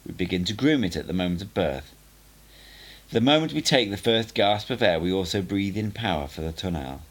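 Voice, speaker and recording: In audiobook character dialogue, a man with a low, expressive voice plays a male sorcerer teacher who is cutting and self-assured, explaining mysteries in a deliberate, didactic, emphatic way.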